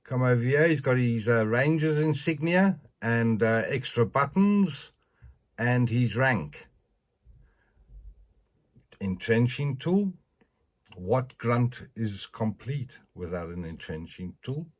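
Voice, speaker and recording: A man's voice: mid-range voice, expressive, slow. An older man with missing teeth and slightly slurred consonants, giving a casual, chatty, rambling show-and-tell as a collector. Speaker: figure collector presenting a review.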